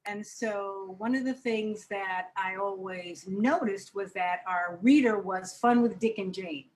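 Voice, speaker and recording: An older woman from Harlem, a children's book author and interview guest, telling her life story in a vivid, animated way. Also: mid-range voice, unhurried, rough recording. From New York, Harlem.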